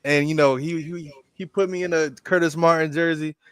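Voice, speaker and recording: A man's voice: a little high, steady tone, moderate pace, clear, resonant tone, no room sound. A man in his thirties chatting casually on a sports podcast, laid-back and full of fillers. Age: 30s. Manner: laid-back, lots of fillers and repeated yeahs. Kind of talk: casual chat.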